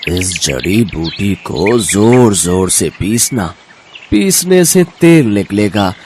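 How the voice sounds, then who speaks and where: A man voicing an old male street herb seller in a cartoon story, calling out his wares in a slow, drawn-out way. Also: on the low side, lively intonation, noisy background. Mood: hawking. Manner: slow drawn-out hawker's calls.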